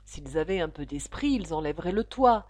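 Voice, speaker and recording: A woman's voice: low-pitched, expressive, a little fast, darkish tone, no room sound, pitched below the performer's own voice. A woman voicing a clever, determined young girl talking things through to herself in a storybook reading. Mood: musing.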